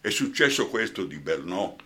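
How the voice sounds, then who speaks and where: A man's voice: sits low, sing-song, moderate pace, pushed and bright. An older man with a Brescian accent, an actor guest in a radio interview, talking passionately and often asking "hai capito?".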